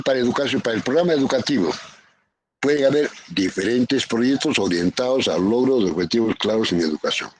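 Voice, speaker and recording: A man's voice: mid-range voice, husky. A man from Peru, a university economics professor teaching a virtual class, who repeats his definitions and keeps asking "no?" and "ya?" of his students. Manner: calls on students by name, repeats definitions with tag questions. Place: home, online class. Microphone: computer mic on a video call.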